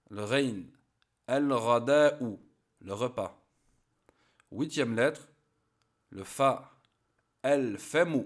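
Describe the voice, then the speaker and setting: A man at a middle pitch teaches a spoken lesson at a very slow, deliberate pace. He pronounces each example word with care and then repeats it so learners can follow along. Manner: careful, repeats each word to model pronunciation. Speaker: Arabic teacher.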